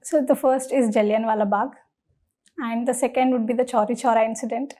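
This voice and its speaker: A woman's voice: on the high side, steady tone, fairly quick, dark tone. An Indian-accented woman answering formally and deferentially in an interview, with some hesitancy. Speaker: candidate in mock civil service interview.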